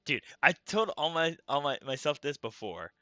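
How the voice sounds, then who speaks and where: Male streamer, casual and excitable, bright voice, swears freely, yells in tense moments. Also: a little high, moderate pace, no echo. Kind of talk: casual gaming chat.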